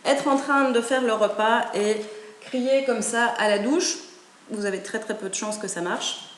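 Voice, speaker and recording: A woman giving parenting advice in a casual, animated way, acting out a children's story as she talks. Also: fairly high pitch, measured pace, slight background noise. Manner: animated, acts out stories. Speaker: parenting educator. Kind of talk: casual spoken advice video. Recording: echoey room.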